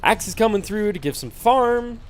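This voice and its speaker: Brief: drowsy solo esports caster, man, easygoing explainer full of "uh"s, slightly high voice. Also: expressive, normal speed. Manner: laid-back, explanatory, many fillers. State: sleepy, yawning. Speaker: esports commentator. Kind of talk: solo play-by-play game commentary.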